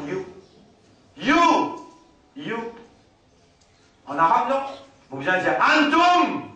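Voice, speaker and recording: A man with a Mauritian accent giving a religious lesson, repeating words slowly and mixing French with Arabic recitation. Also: high voice, pushed and bright. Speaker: Islamic teacher. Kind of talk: religious lesson after dawn prayer. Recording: very echoey room, from a distance.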